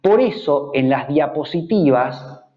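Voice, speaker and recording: A man's voice: a little high, animated, slow pace. A man with a Rioplatense Spanish accent teaching a Bible study, explaining patiently and repeating words as he searches for the next one. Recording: dull lo-fi recording.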